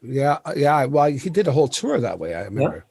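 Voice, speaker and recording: A man hosting a casual chat, telling stories in an animated way with laughs and many restarts. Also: mid-range voice, fast talker, creaky, slightly rough, no echo. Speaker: podcast host.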